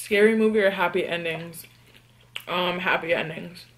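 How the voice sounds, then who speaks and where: A young woman from New York doing a casual eating vlog. She answers tag questions and hums between bites in a relaxed, chatty way. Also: on the low side, moderate pace, a little hiss or hum. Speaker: mukbang vlogger.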